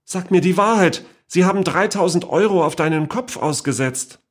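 Man voicing a worried relative in a storybook, urgent, higher pitched, a bit gravelly. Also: lively intonation, normal speed. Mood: alarmed. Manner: urgent and pleading. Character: alarmed adult relative confronting an old aunt.

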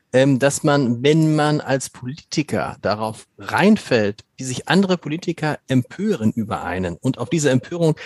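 A man's voice: mid-range voice, darkish tone, slightly rough, dry recording, studio quality. A man hosting a podcast, agreeable and anecdotal in casual conversation. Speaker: podcast host.

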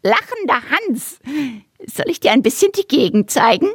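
A woman voicing a cheeky male kookaburra with a croaky, cackling voice and a teasing manner. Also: high voice, very animated, normal speed, no room sound, clean studio sound, voice pushed up, full character voice. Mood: mocking. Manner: teasing, jeering.

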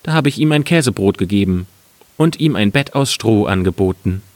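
A man's voice: fairly low pitch, animated, brisk, a little mellow, no echo, lightly acted. A man reading a fairy tale aloud, voicing a nervous miller's wife in a raised, pleading voice. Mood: anxious. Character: frightened miller's wife, adult woman.

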